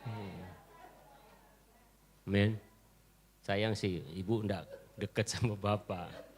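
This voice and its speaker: A man with a Manado accent preaching a church sermon, joking with the congregation and swinging from loud declarations to quiet asides. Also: fairly low pitch, fairly even intonation, extremely slow, soft background music. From Indonesia. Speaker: pastor. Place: church service.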